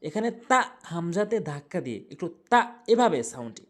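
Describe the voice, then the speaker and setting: Woman teaching slow chanted Quran recitation. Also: on the low side, sing-song, darkish tone. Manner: alternates slow drawn-out chanted recitation with explanation; repeats words slowly to correct pronunciation. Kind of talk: recitation lesson.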